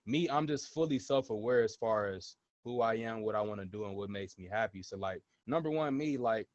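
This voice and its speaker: Young man, podcast host, low voice, swears a lot, dull dry lo-fi sound. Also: a little fast, no echo. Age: 20s. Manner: blunt, swears freely, emphatic repetitions. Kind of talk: casual interview chat.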